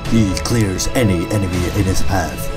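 A man's voice: sits low, steady tone, normal speed, lightly acted. A man voicing a grave, dramatic movie-trailer narrator in weighty epic style over video game footage. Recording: loud music behind. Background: music.

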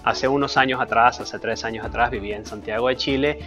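A man, introducing himself to camera in a steady, earnest way with frequent fillers. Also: medium pitch, brisk, soft background music. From Venezuela. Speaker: personal finance YouTuber. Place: dark studio with a screen backdrop.

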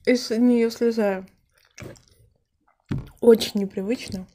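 A young woman chatting casually to viewers while chewing food, in a confiding tone with soft mumbled asides. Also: a little high, fairly even intonation, slow, a little hiss or hum. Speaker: mukbang vlogger. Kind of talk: casual chat to camera while eating.

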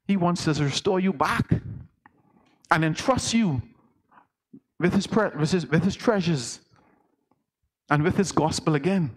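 A man's voice: on the high side, measured pace, pauses often. A man with a Bahamian accent, an elder preaching a conversational sermon and asking the congregation questions.

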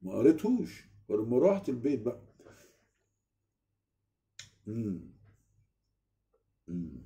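A man's voice: medium pitch, takes it slowly. A man with an Egyptian accent telling a story in a casual rant, keeps asking the listener whether they follow, speaking from a small room at home. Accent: Egyptian Arabic. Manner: animated, keeps asking the listener "you get it?". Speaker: vlogger.

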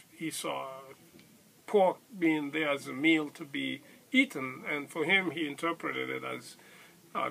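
A middle-aged man from Senegal, recounting his life story in a casual, hesitant way with many pauses and restarts. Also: mid-range voice, vocal fry, sharp tone. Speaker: convert telling his story. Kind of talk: casual spoken testimony.

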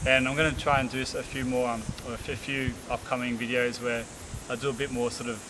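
Young Australian bloke, casual vlogger, tired and relaxed, camera a few metres off, hissy outdoor audio with insects. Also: male voice, mid-range voice, fast talker. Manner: relaxed, rambling, many fillers and restarts. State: tired after a hot hike. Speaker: bushcraft vlogger. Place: outdoors in the bush by rocks. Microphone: camera on a tripod a few metres away.

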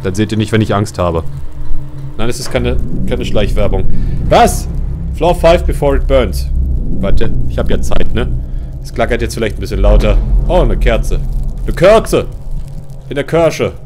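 A man's voice: fairly low pitch, animated, a little slow, long pauses, over music. Jumpy man commentating a horror game. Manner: jumpy, swears and shouts at scares; chatty asides to viewers. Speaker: let's player. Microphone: large-diaphragm studio mic, close.

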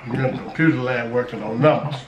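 A man's voice: mid-range voice, quick pace. A man on a food vlog, chatting casually and teasing in joking banter. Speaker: mukbang vlogger. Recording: echoey room with clear background noise.

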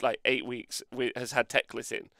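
A man hosting a casual gaming podcast, rambling and animated, with mock-outraged banter. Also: medium pitch, moderate pace, gravelly, no room sound, studio quality. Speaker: host.

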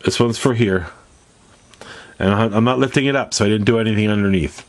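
A man's voice: fairly low pitch, fairly quick, background noise. A congested man with a nasal voice, casually walking viewers through a hobby demonstration in a folksy, rambling way. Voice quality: stuffed-up, nasal. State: congested from allergies. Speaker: host of a model-building tutorial. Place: indoors at a hobby workbench.

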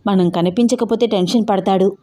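A woman voicing a calm, cautious young female friend who talks casually and soothingly. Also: medium pitch, fairly quick, natural voice.

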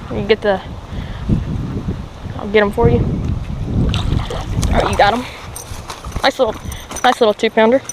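A young man giving excited, rambling commentary outdoors by a pond, full of fillers and restarts. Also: high-pitched, unhurried, pauses often, noisy background. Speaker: fishing vlogger.

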